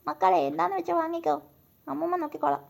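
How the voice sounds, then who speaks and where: A woman voicing a cheerful old grandmother with a sweet tooth in a cartoon, with a gravelly, creaky voice and an easygoing, teasing manner. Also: extremely high pitch, steady tone, rapid-fire, pitched below the performer's own voice, full character voice. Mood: warm.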